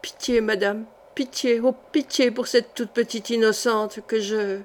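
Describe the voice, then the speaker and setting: A woman's voice: fairly high pitch, steady tone, slow pace. Woman reading a frightened, pleading young mother. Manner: trembling, pleading. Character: terrified young lady-in-waiting, pleading mother. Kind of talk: audiobook character reading.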